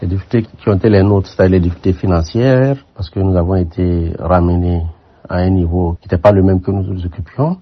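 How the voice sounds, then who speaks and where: His voice deep and his intonation fairly even, an older man from Burkina Faso who once served as a military aide reflects carefully on a radio interviewer's questions, pausing frequently. The audio is muffled and lo-fi.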